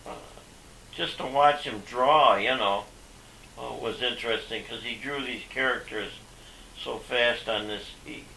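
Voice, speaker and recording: Older man on gravelly old VHS tape. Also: mid-range voice, sharp tone. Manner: halting, with many fillers and restarts. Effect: old VHS home video sound. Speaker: father being interviewed. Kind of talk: reminiscing home interview. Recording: echoey, distant, hissy VHS tape.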